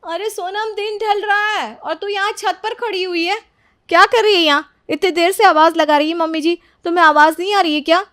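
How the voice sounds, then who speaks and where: A woman doing a squeaky, nosy sister-in-law. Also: fairly even intonation, brisk, fairly bright tone, no room sound, studio quality. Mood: prying. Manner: very high, prying, suspicious.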